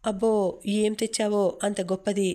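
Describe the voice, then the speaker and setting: A woman's voice: mid-range voice, flat delivery, a little slow, warm tone, lightly acted. A woman voicing a devoted, playful young man in an audiobook, teasing and affectionate. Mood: casual.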